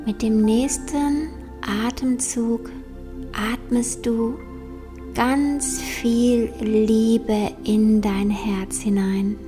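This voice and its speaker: A woman guiding a meditation in a soft, breathy near-whisper, soothing and unhurried with long pauses. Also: fairly high pitch, fairly even intonation. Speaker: meditation guide. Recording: soft new-age music behind. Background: new-age meditation music.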